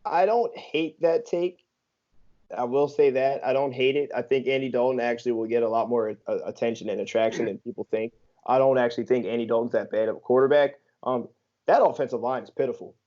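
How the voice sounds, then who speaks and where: A man's voice: mid-range voice, fairly quick, mellow. A man co-hosting a sports podcast, chatting casually with teasing jokes and plenty of ums. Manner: joking and teasing, lots of ums and filler. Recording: dull lo-fi podcast audio.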